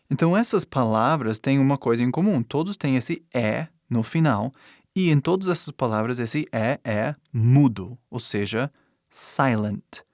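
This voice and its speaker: A man's voice: medium pitch, darkish tone, no room sound, clean studio sound. A male teacher, explaining pronunciation in a video lesson and checking in with "né?" as he goes. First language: English. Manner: explanatory, frequent "né?" and "tá?" tags. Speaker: English teacher.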